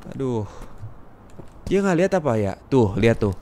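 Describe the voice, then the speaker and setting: A young man from Indonesia with a Jakarta slang accent, commenting loudly on a horror game he plays live, often shouting and swearing. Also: medium pitch, big pitch swings, moderate pace, slight background noise. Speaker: game streamer.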